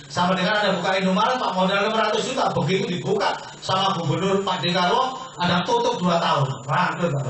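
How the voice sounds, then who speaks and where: High-voiced man pitching in an echoey hall. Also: a bit bright, a little hiss or hum. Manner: persuasive, asks the audience questions and answers them himself; keeps addressing listeners as "Pak". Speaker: business opportunity presenter. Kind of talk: sales seminar talk to an audience. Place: meeting hall with an audience. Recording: very echoey hall, picked up from far off.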